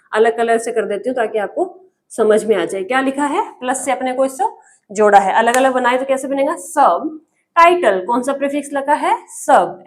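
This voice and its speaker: A woman with a high voice talks slowly and deliberately through an English lesson in Hindi. She keeps asking the same questions and spells each word out letter by letter in a patient drilling way. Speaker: English teacher.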